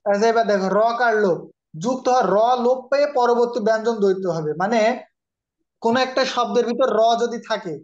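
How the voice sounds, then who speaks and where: A man's voice: very high-pitched, fairly quick, lo-fi sound. Man teaching a Bengali grammar class. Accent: Bangladeshi Bengali. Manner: explains patiently, scolds students, calls on them by name. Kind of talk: online exam-prep grammar class.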